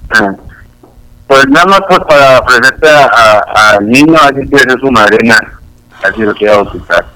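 A man's voice: medium pitch, normal speed, pushed and bright, poor audio. A man calling into a radio show, speaking hesitantly. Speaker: caller. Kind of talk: phone call to radio show.

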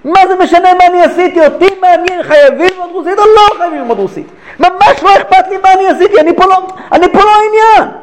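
A man's voice: extremely high pitch, a little hiss or hum, pitched above the performer's own voice. A man acting out an elderly rabbi who brushes off his own deeds with urgent passion. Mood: impassioned.

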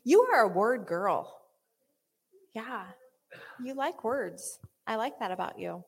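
A woman preaching a charismatic sermon to a room, animated and playful, acting out quoted voices, then dropping low and intense. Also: slow pace, gravelly, husky, in a large hall. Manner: animated, acts out quotes of God and the congregation. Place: church meeting room.

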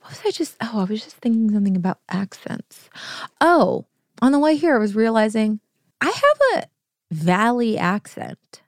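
A young woman co-hosting a podcast, an actor telling animated stories in casual chat, full of "like". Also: fairly high pitch, brisk, no echo, clean studio sound. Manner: animated storytelling, heavy use of "like". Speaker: podcast co-host.

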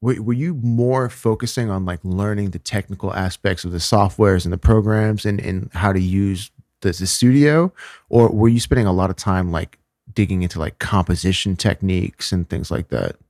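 A man's voice: low-pitched, moderate pace, a little mellow, no echo, clean studio sound. A man interviewing someone in a casual, conversational way, with colloquial and somewhat hesitant phrasing.

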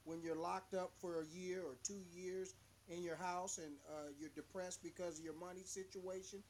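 A man in a casual debate whose voice comes through muffled and distant, as if from behind a wall. He talks slowly and haltingly, with many fillers. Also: high-pitched, flat delivery, darkish tone.

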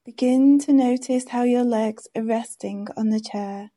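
Female meditation guide: soft, very warm and dark timbre, drawn-out calm delivery. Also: on the high side. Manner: gentle, soothing, unhurried instructions.

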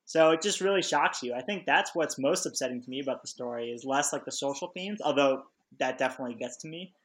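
A man's voice: medium pitch, fast, fairly bright tone, poor audio. A man co-hosting a book podcast, talking in a thoughtful, reflective way. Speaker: podcast co-host. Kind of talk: casual book discussion.

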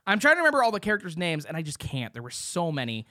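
A young man co-hosting a casual podcast chat, excited and rambling, swearing freely as he reminisces. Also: on the high side, racing, no room sound, clean studio sound. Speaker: podcast co-host.

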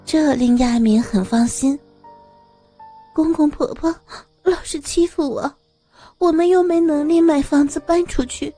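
A woman narrating an audio story in a smooth, steady reading voice. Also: fairly high pitch, no room sound.

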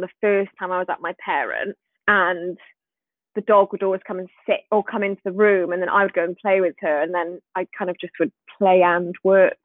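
A woman's voice: medium pitch, dry recording. Giggly Welsh woman on a phone-like line. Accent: light Swansea Welsh. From Swansea, Wales. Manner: giggly, self-deprecating. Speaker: podcast guest, small business owner. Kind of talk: casual chat. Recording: thin band-limited phone-like call audio.

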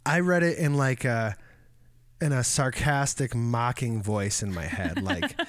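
A man co-hosting a casual chat, telling stories in a rambling, animated way, with swearing and mimicked voices. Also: medium pitch, a little slow, no room sound. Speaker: podcast co-host.

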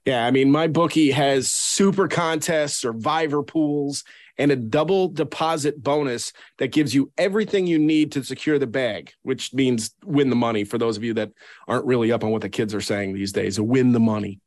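Male co-host, wry and joking, close dry mic, relaxed chat. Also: mid-range voice, moderate pace, dry recording. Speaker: podcast co-host. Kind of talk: casual podcast chat and ad read.

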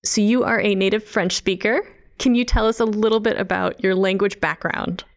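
A native English-speaking woman co-hosting a podcast as a psychology lecturer, asking questions in a brisk, upbeat way. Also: medium pitch, steady tone. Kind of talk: podcast conversation.

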